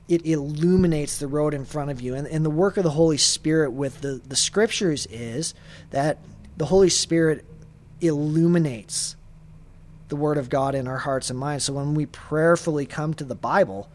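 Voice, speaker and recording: A man giving casual, earnest Bible study advice, full of fillers and restarts, who speeds up as he gets excited. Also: a little high. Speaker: Bible teacher.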